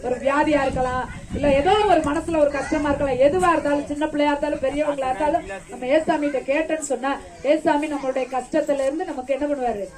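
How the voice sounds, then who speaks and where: A children's ministry teacher talks fast in a high-pitched, darkish voice with fairly even intonation as she tells a Bible story to children outdoors during rain. Amid their constant chatter, she keeps questioning them and supplying answers, affectionate and coaxing throughout.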